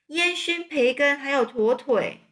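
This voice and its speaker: A woman's voice: high voice, expressive, unhurried, a bit bright. A woman voicing an old sheep who speaks in a blunt, matter-of-fact way.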